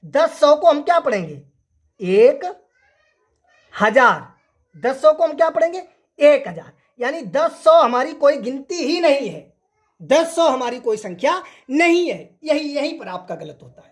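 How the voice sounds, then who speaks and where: High-pitched woman teacher going over number place values, repeats herself a lot, keeps asking "got it?". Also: sing-song, a little slow. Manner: repetitive, drilling, asks the class rhetorical questions. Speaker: maths teacher. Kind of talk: online maths lesson.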